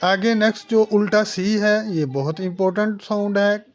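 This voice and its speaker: A woman's voice: mid-range voice, fairly even intonation, normal speed. A woman teaching English phonetics. She patiently sounds out example words one by one and addresses the learner as dear student. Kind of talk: phonetics lesson.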